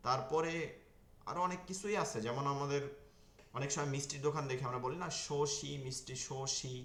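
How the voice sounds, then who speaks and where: A man's voice: medium pitch, steady tone, brisk, a bit bright, echoey room. A man teaching Quran pronunciation in an online class, explaining where the tongue goes and repeating each Arabic letter sound many times over. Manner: explains tongue and teeth placement step by step.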